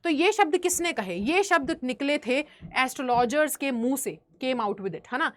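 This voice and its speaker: A woman's voice: high-pitched, expressive, moderate pace, a bit bright. A woman teaching a literature chapter, explaining line by line and acting out scenes. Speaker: English teacher. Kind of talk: bilingual Hindi-English literature lecture.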